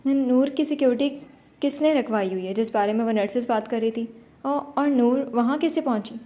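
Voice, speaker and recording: A woman voicing a gentle, emotional young man in an audiobook romance, soft and anxious. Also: on the high side, close to an everyday voice.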